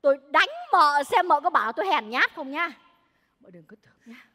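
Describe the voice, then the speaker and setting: A woman's voice: high voice, lively intonation, brisk, sharp tone, full character voice. A woman playing a domineering old mother-in-law in a stage comedy sketch, nagging, scolding and wailing. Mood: furious. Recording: stage recording with long hall reverb.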